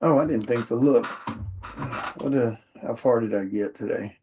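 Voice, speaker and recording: A man's voice: medium pitch, measured pace, noisy background. A tired man who is a comic artist, chatting casually on a livestream while he sorts orders and mutters the items to himself.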